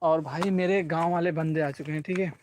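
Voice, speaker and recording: A man's voice: a little high, fairly even intonation, fairly quick, slight background noise. A young man from the Sultanpur area chatting casually on a live stream to viewers outdoors by a lake, recorded on a phone without a separate mic, repeating himself and tacking "okay" onto his sentences. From Sultanpur region, Uttar Pradesh. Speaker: vlogger hosting a live stream. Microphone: phone mic, no separate microphone.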